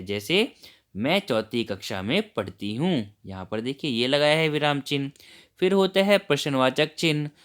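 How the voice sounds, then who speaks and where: A male teacher talks young children through a worksheet lesson, greeting them warmly and explaining each point step by step. His voice is smooth and clear, at an everyday middle pitch.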